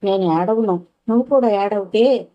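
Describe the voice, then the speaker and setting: A woman's voice: mid-range voice, measured pace, dark tone, dull audio, lightly acted. A woman playing a tearful little girl. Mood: comforting. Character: small five-year-old girl, tearful and innocent.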